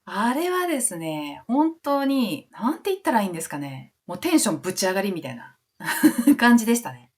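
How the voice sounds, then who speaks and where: Lively, expressive woman vlogger. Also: fairly quick, husky. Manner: animated and expressive, voices quoted reactions with bursts of high pitch. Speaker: music teacher and vlogger. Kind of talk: casual monologue about a concert.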